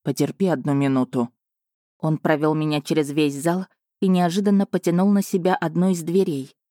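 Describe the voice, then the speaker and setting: A woman narrates a first-person fantasy romance in a measured, steady storytelling manner. Her voice sits on the low side and is recorded close and dry, with no room sound. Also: no room sound. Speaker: audiobook narrator.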